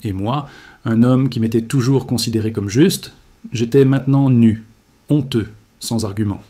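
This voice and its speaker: A man's voice: medium pitch, normal speed, mellow. A man reading a grave, confessional first-person religious testimony in a solemn scripted narration.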